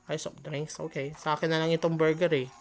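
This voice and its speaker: A woman's voice: deep voice, level tone, brisk. A woman giving chatty gameplay commentary, often exclaiming and laughing at her own mistakes. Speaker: gaming channel host.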